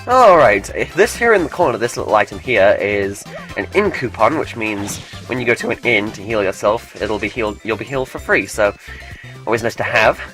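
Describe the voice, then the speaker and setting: A man's voice: fairly low pitch, fairly quick, fairly bright tone, soft background music. A man giving chatty, joking commentary while playing a video game. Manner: chatty and jokey, reads game text aloud. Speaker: let's play host.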